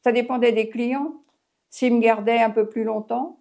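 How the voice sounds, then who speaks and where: Gravelly and warm, her voice runs on the high side with fairly even intonation and normal speed. She is a retired French taxi driver in her eighties, rambling through her story in a chatty oral history interview full of restarts.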